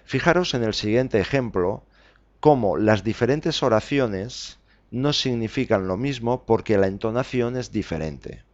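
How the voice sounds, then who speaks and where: A man with a lowish voice teaches pronunciation on his podcast, speaking very slowly and deliberately. He pauses on each example and fills gaps with "eh". The recording sounds a little dull and lo-fi. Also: animated. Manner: slow, deliberate, spells out examples with fillers. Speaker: Spanish teacher podcast host.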